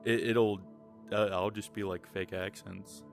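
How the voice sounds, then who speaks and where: Rambling young Southern man, very low voice. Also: flat delivery, a little slow, vocal fry, soft background music. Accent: Southern American. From Southern United States. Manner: rambling, candid, swears freely. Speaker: podcast co-host. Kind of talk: casual late-night chat.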